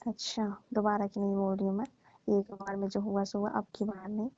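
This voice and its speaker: A woman with a medium-pitched, monotone, fairly quick and dark voice, natural rather than acted-sounding, plays a middle-aged auntie who coaxes, teases, persuades and placates in a staged comic phone call. The dry, dull lo-fi phone recording has no echo.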